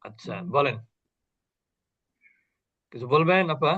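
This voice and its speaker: A man teaching Quran recitation rules in an online class, explaining patiently, quizzing his students and chanting example words slowly. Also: fairly high pitch, lively intonation, fairly bright tone, muffled recording. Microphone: video call.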